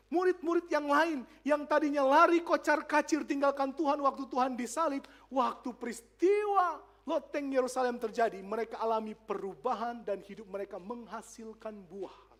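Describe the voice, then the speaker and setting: A male pastor preaching a lively, conversational sermon with asides to the congregation in a church. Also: very high-pitched.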